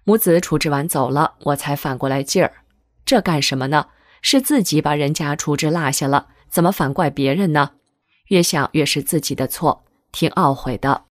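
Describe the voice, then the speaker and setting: A woman reading a first-person article aloud in a steady, measured way. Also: low-pitched, no room sound, studio quality. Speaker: article reader. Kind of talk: scripted reading of a testimonial article.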